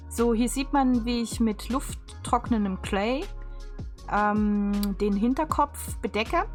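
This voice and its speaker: A woman giving a chatty, unscripted craft tutorial voice-over in a casual style. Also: medium pitch. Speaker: video creator. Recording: music behind the voice. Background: instrumental music.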